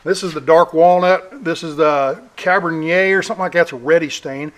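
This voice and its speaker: Recorded on a camera mic in an echoey room with a faint hiss, this middle-aged DIY vlog host talks briskly in a slightly bright voice on the high side. His hands-on show-and-tell is casual, rambling, folksy, and self-deprecating.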